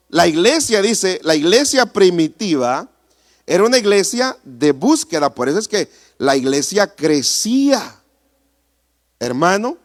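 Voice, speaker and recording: A man preaching a sermon as pastor in a church, animated, asking the congregation rhetorical questions. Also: high voice.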